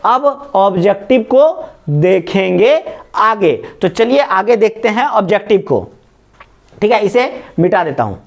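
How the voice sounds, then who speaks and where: Man teaching grammar, keeps checking understanding. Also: high-pitched. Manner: explaining, repeats examples and keeps asking if students understand. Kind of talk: classroom grammar lesson.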